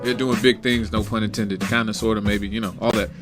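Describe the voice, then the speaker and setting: A man's voice: on the low side, level tone, brisk. A man hosting a casual internet radio talk show, with laid-back, hyped banter. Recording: music bed under the voice.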